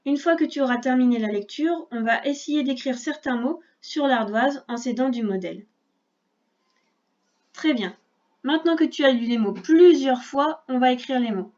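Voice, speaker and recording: A female primary school teacher gives a recorded reading lesson to a young child, talking to the child directly, slowly and with careful articulation. Her voice is high-pitched and darkish, with the high frequencies cut off.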